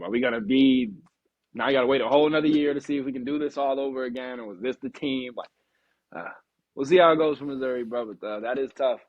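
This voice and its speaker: A man's voice: mid-range voice, dry recording, highs cut off. A young man co-hosting a sports podcast, talking casually with lots of slang and frequent laughs. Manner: animated, slangy, laughs often. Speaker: podcast co-host.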